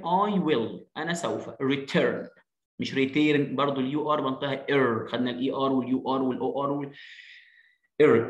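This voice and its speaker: Egyptian man teaching phonics, echoey room. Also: medium pitch. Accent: Egyptian Arabic. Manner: reads English slowly word by word, sounds out letters, quick asides in Arabic. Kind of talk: English reading lesson explained in Arabic.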